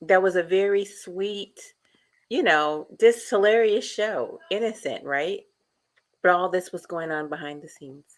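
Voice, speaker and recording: A woman's voice: fairly low pitch, a little slow. A woman hosting a casual podcast chat who laughs easily and puts questions to her guests. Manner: chatty and laughing, asks the group questions. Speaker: podcast host.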